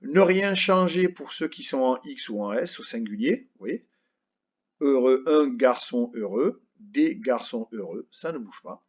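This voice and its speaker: In a lo-fi recording, a male primary school teacher with a mid-range voice gives children a grammar lesson, speaking slowly and patiently and spelling out words one letter at a time.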